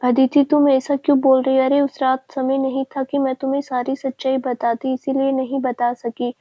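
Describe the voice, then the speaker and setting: A woman reading the lines of a pleading, urgent young woman, a childhood friend, in a family story, with a husky voice. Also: sits high, completely flat delivery, normal speed, dark tone, no echo. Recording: dry, dull lo-fi sound.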